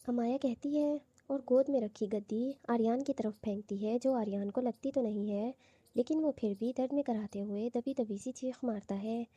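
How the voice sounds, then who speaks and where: A woman narrating an audiobook with a steady storytelling read. Her voice is husky and very dark in tone, a little high-pitched, recorded dry and close to the mic. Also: dry recording. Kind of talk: scripted narration.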